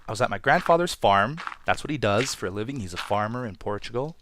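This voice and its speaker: A man's voice: mid-range voice, a bit bright, a little hiss or hum. A man from Toronto hosting a Let's Play, telling a story in a chatty, rambling, self-deprecating way over gameplay. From Toronto, Canada.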